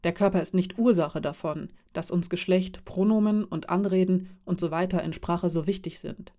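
A woman reading the lines of a calm, friendly man who is part elf and part dwarf, explaining things with quiet amusement. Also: fairly low pitch, normal speed, close to an everyday voice.

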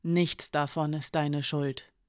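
A woman reading an audiobook, voicing a guarded young woman thief who speaks low and insistently. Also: steady tone, measured pace, darkish tone, no echo, clean studio sound. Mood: earnest.

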